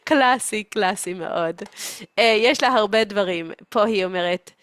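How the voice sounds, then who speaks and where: A woman teaching a language lesson at a steady middle pitch. She explains each phrase patiently and adds English glosses as she goes. The sound is dry and close, with no room echo. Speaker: Hebrew teacher and podcast host.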